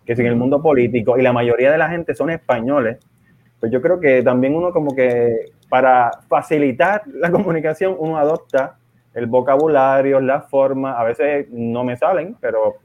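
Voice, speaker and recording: A man from Puerto Rico with a Puerto Rican Spanish accent, partly softened by years in Spain, speaking as a guest in a casual conversation and explaining things at a measured pace. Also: medium pitch. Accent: Puerto Rican Spanish, partly softened by living in Spain. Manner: explanatory, measured, chuckles often. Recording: tinny phone-like remote line.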